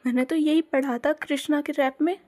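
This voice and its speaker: A dramatic, lovestruck teenage schoolgirl in an audio story, played by a woman narrator. She gushes in slangy, exaggerated bursts, and her voice sits high. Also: steady tone, moderate pace, a little mellow, lightly acted. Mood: gushing. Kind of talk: Hindi audio story role-play.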